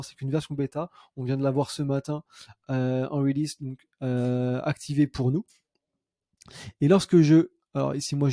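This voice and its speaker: Dark-voiced man talking through a tutorial. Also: a little high, no room sound, clean studio sound. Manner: chatty, self-correcting, thinks aloud with fillers. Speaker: CRM consultant demoing software. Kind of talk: screen-recorded software tutorial.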